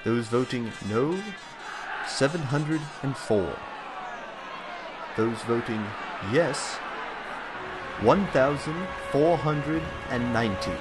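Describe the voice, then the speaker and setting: A man's voice: mid-range voice, slow pace, pauses often, over music, close to an everyday voice. A man playing a formal male town council elder who announces vote results in a proclaiming manner. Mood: solemn, formal.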